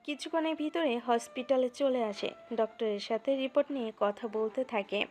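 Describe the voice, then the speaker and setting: Female narrator, scripted romantic storytelling, fairly high pitch. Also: moderate pace, a little mellow.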